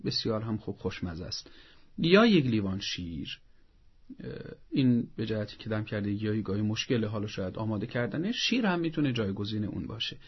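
Male advice expert for a talk show, husky voice, patient and instructive, muffled broadcast quality. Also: mid-range voice. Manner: calm, instructive, lists steps and examples.

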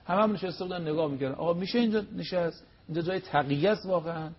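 A man's voice: on the high side, slightly rough, lo-fi sound. A man preaching on a religious TV program, emphatic and full of rhetorical questions. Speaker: cleric guest on religious TV program.

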